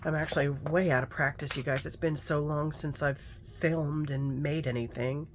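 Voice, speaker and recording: A woman's voice: deep voice, steady tone, moderate pace, a little hiss or hum. A woman chatting casually while working on a craft journal, telling stories and muttering to herself over her work. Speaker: craft vlogger.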